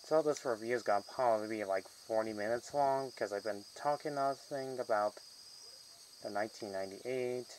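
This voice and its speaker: A man's voice: mid-range voice, moderate pace, darkish tone, a little hiss or hum, low-quality recording. A man giving a casual, rambling film review vlog, with loosely strung sentences that often trail off mid-thought. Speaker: movie reviewer.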